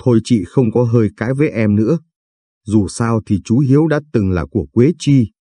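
A man's voice: mid-range voice, moderate pace, mellow, husky, no room sound, lightly acted. A man reading as a flustered young woman. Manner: flustered, scolding. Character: shy young woman of twenty-two, easily flustered.

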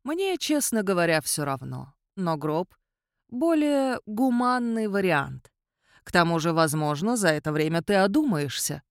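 A woman reading an audiobook voices an ancient male vampire count who speaks in a quiet, measured and coolly superior way. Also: high-pitched, big pitch swings, clean tone, dry recording, clean studio sound, exaggerated voice. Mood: soft, even. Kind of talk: audiobook character voice.

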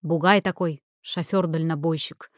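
A woman's voice: sits low, steady tone, moderate pace, no echo, clean studio sound, close to an everyday voice. A woman reading an audiobook and voicing a blunt, teasing young woman naturalist.

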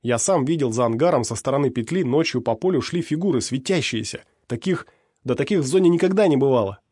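A man voicing a rattled young male stalker, telling his story excitedly and insistently in an audiobook. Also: mid-range voice, fast, husky, no room sound, studio quality, pitched above the performer's own voice. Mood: agitated.

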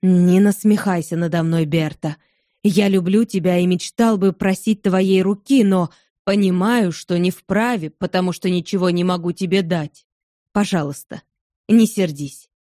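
A woman reading the lines of a shy, poor young man in love, speaking slowly and hesitantly, a little lower than her own voice. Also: dark tone, no echo, studio quality, close to an everyday voice. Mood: timid. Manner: timid, hesitant, slow.

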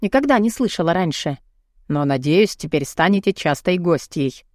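A man's voice: a little high, animated, moderate pace, a little mellow, no echo, clean studio sound, natural voice. Woman voicing a smug rich man. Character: smug wealthy man boasting of his elite club.

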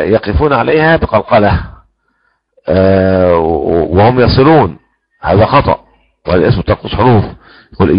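Gravelly-voiced man teaching Quran readings. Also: fairly low pitch, highs cut off. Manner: explanatory, slows to chant recited verses. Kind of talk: religious lesson on Quran readings.

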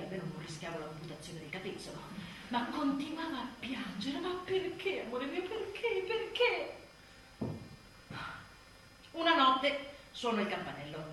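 A woman playing an exhausted, furious new mother in a theatrical monologue, biting and sarcastic, swinging from shouts to hushed tones. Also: fairly high pitch, recorded from a distance, a little hiss or hum. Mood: exasperated, then weary. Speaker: stage actress. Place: theatre stage. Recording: very echoey stage recording from afar.

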